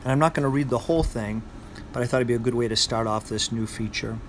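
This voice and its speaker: A man with a Boston accent presents and recites poetry as a poet would for listeners. His voice sits at a middle pitch. There is faint vehicle-like noise behind him. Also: fast. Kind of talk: talk introducing and reciting poetry aloud.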